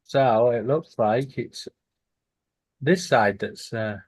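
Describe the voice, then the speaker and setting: A man's voice: mid-range voice, slow, a little mellow, slightly rough, no echo. A man hosting a live stream, chatting casually with wry banter and the odd swear.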